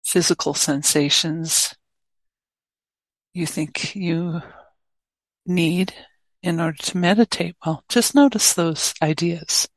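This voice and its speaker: A woman with a lowish voice guides listeners through meditation as their teacher, speaking softly in short phrases broken by long pauses. There's no room sound, and the recording quality is poor.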